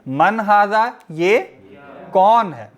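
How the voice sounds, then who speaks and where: A man teaching a recorded lesson, reading out words slowly and explaining each one. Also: sits high, lively intonation. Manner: slow and deliberate, reads Arabic words then explains them. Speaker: Arabic teacher.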